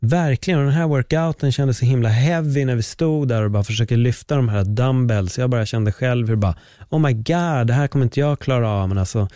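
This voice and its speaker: A man's voice: mid-range voice, dark tone, no room sound, clean studio sound, lightly acted. A man voicing a trendy young woman who gushes about her workout, dropping English words into her Swedish. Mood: gushing.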